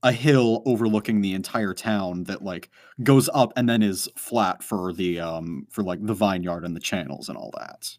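A man's voice: sits low, normal speed, few pauses, darkish tone, no echo. A man narrating a tabletop game as game master, rambling with many fillers. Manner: rambling, full of "like" and "um".

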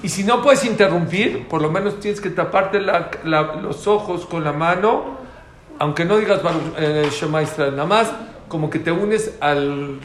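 Higher-voiced man teaching a class. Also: lively intonation, measured pace. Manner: emphatic, repeats key points, answers students directly. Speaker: religious teacher. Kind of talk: classroom lecture with questions. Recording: roomy, faint background noise.

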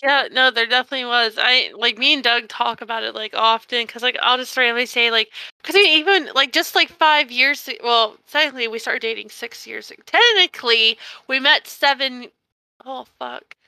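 A woman's voice: a little high, normal speed, pushed and bright, clean tone, dry recording. A young woman co-hosting a podcast in casual chat, rambling and correcting herself as she goes, often laughing. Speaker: podcast co-host.

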